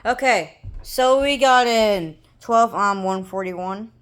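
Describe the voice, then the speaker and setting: A hobbyist presenter, a woman with a slightly bright mid-range voice, gives a casual show-and-tell of gear in a halting, rambling, improvised way. The room is noisy, with clicking handling sounds and radio broadcasts in the background.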